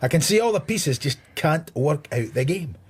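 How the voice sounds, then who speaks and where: An actor playing a wry, stubborn maverick detective inspector with a Scottish accent and a dry, sardonic manner in a radio drama. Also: male voice, fairly high pitch, lively intonation, moderate pace, breathy edge. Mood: terse, frustrated. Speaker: lead actor and narrator. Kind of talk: radio drama acting and first-person narration.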